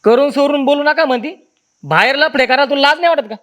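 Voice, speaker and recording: A betrayed rustic husband. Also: male voice, very high-pitched, quick pace, fairly bright tone. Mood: angry. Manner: accusing, scornful.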